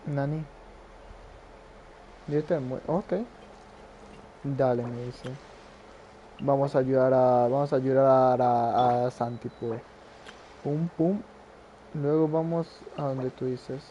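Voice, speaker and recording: A man casually commentating his own gameplay, excitable and profane, often blurting sound effects. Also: medium pitch, slow pace, long pauses, dull audio, slight background noise. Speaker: gamer.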